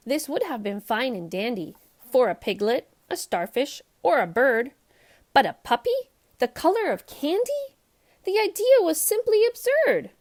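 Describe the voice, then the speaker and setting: A woman hosting a children's read-aloud show narrates a storybook for young listeners in an expressive, emphatic way. Her voice sits high and she keeps a measured pace.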